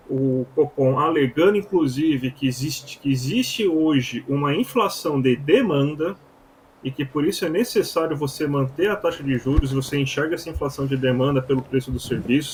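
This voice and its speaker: Male news commentator, emphatic and animated, slightly high voice, faint hiss behind. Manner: animated, emphatic, many fillers and restarts. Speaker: economics commentator.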